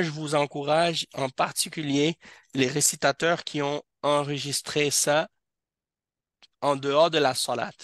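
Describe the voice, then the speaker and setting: Guy teaching a reading class, super slow, says every word twice, dry close sound. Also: a little high, a bit bright, dry recording. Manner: slow, repeats words and verses to drill pronunciation. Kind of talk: patient classroom lesson. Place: mosque classroom.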